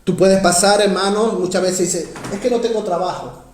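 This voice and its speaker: A man preaching a sermon as pastor, urgent and heartfelt, surging loud then dropping to quiet asides as he keeps calling out to his brothers and sisters. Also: normal speed, reverberant, a little hiss or hum. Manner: impassioned, swings from loud rises to low quiet asides, keeps addressing "hermanos".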